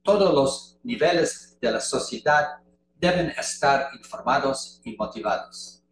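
An older Canadian conference speaker gives a prepared lecture slowly and carefully, speaking deliberately in a second language. His mid-range voice is nonetheless animated. He is captured on a video call webcam in an echoey room with faint noise.

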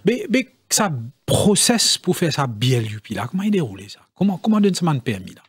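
Woman, Mauritian accent, talk show host, brief prompts, low husky voice, lively intonation. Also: brisk. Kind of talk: moderating a studio debate.

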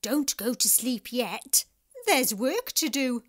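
Woman as an eager, high-voiced toy bear. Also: expressive, slow. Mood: surprised, eager. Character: eager, helpful toy bear in a children's story.

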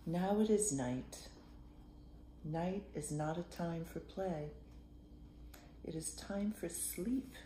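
An older woman, a grandmother, reading a picture book aloud to a child with playful, softly whispered asides. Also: lowish voice, takes it slowly, long pauses, slight background noise. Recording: roomy echo.

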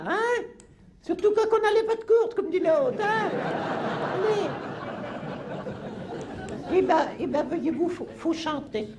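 Man in drag doing a very high, slow-talking old farm granny, live audience laughing. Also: darkish tone, slight background noise, full character voice. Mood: comforting. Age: over 70. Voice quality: shrill, quavering, cackling. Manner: rambling, chatty, scolding. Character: cantankerous old countrywoman, stubborn and gossipy. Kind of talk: live stage comedy sketch.

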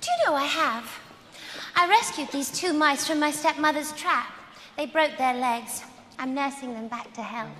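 A woman's voice: sits high, moderate pace, pushed and bright, big-room sound. A young British woman playing a sweet, naive, lovelorn Cinderella in a stage pantomime, earnest and wide-eyed. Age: young adult. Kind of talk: theatrical pantomime acting. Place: large theatre stage with audience. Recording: very noisy live theatre, audience noise.

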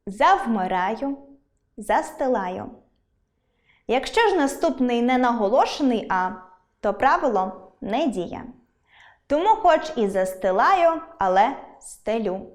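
A woman teacher giving an online school lesson, explaining spelling rules clearly and patiently with examples. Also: on the high side, big pitch swings, takes it slowly, pauses often.

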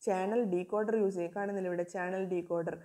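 A woman teaches a recorded class. Her voice is mellow and dark, and her pitch barely moves. She asks a question and answers it herself, again and again, the way a teacher talks a class through a topic. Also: steady tone. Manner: reads English definitions slowly. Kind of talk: video lecture.

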